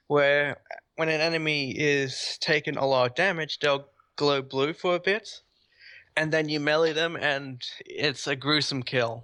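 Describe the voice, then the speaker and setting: A man's voice: on the high side, pushed and bright, no echo. A man chatting enthusiastically as a gaming podcast host. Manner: enthusiastic, rambling. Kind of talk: casual gaming podcast chat.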